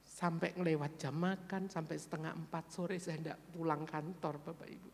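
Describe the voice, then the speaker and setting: A male pastor with an East Javanese accent preaching a sermon, telling a personal story, swinging from hushed to animated. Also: a little high, normal speed, gravelly. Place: church. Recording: echoey church hall.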